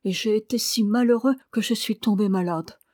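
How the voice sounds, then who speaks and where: A woman's voice: mid-range voice, normal speed, darkish tone, no room sound, close to an everyday voice. Earnest, pleading young man, voiced by a woman narrator; storybook reading, dry sound. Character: lovesick young man, weak but hopeful.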